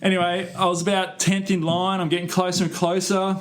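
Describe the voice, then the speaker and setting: A man's voice: high-pitched, a little fast, crowd noise. Australian man telling a wild story. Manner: swears freely, animated storyteller. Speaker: podcast co-host. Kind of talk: casual storytelling.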